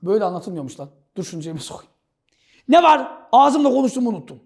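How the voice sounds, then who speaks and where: A man teaching a Turkish exam-prep lesson, jokey and playful, calling students "brother" and shouting now and then for fun. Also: high-pitched, very animated, quick pace, vocal fry. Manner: playful and jokey, breaks into shouts and sound effects; addresses students as "kardeş". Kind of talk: energetic video lesson solving exam questions.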